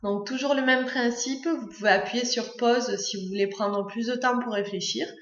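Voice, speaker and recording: A woman's voice: a little high, fairly even intonation, normal speed, roomy sound, dull audio. A French-speaking woman teaching an English lesson, explaining step by step with frequent hesitations and fillers. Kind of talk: language lesson narration.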